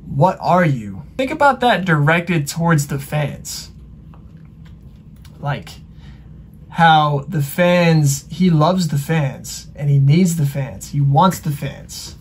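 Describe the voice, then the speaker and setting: A man hosting a reaction channel, casually explaining song lyrics in a relaxed way full of fillers. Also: a little high, slow pace, a little hiss or hum. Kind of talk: casual music reaction commentary.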